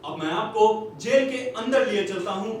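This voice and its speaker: An actor on stage playing a male TV news anchor, with a formal, crisp newsreader delivery. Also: high-pitched, lively intonation, moderate pace, slight background noise. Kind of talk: stage play acting. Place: theatre stage. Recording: echoey hall, captured from far off.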